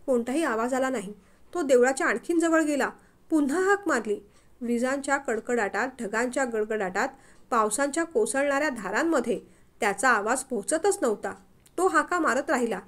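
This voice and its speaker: A woman storyteller reads an emotional tale aloud in an expressive, emotive way. Her voice sits high. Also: moderate pace. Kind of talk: storybook narration.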